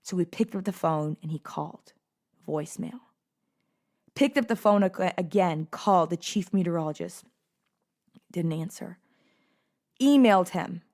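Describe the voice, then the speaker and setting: Animated woman telling a personal story. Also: lowish voice, unhurried, pauses often. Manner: animated, acts out quoted dialogue. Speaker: podcast host.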